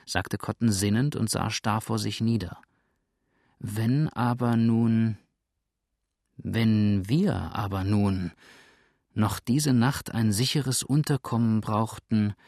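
A man's voice: on the low side, steady tone, measured pace, hardly any pauses, darkish tone, dry recording, clean studio sound. A man voicing a nervy fugitive in an audiobook, tense and brooding. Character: scheming, nervy adult male fugitive. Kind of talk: audiobook reading.

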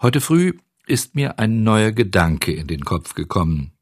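Fiery old woodcarver voiced by a man, excitable, indignant, husky, lively pitch, storybook. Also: a little slow, dry recording, clean studio sound, full character voice. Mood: cheerful. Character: jolly hot-tempered old male woodcarver.

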